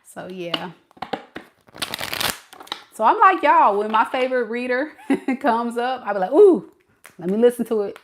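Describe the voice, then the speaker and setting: A woman's voice: on the high side, animated, unhurried, pauses often, noisy background. Chatty Californian woman with a Mississippi lilt. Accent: Californian with some Mississippi dialect. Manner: chatty, laughing often, addresses viewers as y'all. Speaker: tarot reader reading live chat. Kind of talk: casual live-stream chat.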